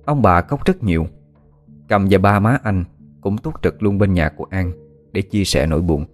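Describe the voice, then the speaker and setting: Low-voiced male ghost story narrator. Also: normal speed. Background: faint music.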